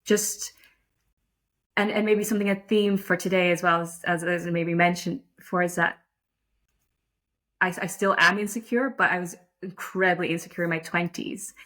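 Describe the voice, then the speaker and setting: Speaking as a guest in a laid-back interview, a lacrosse umpire from the Netherlands comes across as thoughtful and modest, with frequent fillers, restarts and self-deprecating remarks. Her pitch is fairly low, her intonation fairly even, her pace moderate, and her tone a bit bright.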